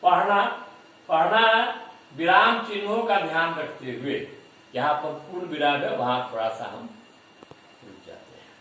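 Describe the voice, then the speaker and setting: A man giving a classroom lecture to teacher trainees, speaking deliberately and repeating example words to stress them. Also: on the high side, bright, forceful tone, slight background noise. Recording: echoey room, voice far from mic.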